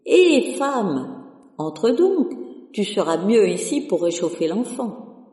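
Reader doing a gentle devout old cobbler, storybook, kindly, warm dark tone, long hall reverb. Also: mid-range voice, a little slow, distant mic, lightly acted. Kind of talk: storybook reading. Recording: echoey room with long reverb.

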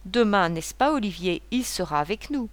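A woman's voice: medium pitch, lively intonation, moderate pace, dry recording, lightly acted. A woman reading the part of a fragile, loving young wife in an audiobook, with a tearful, pleading manner. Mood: tearful, tender.

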